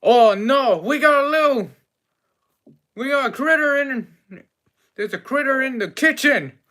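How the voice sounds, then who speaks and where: A man voicing a flustered cafe chef in a tabletop game, calling out in an urgent, alarmed way in a raised, higher voice. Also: expressive, a little slow, bright, forceful tone, heavily acted. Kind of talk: role-play voice in a tabletop game.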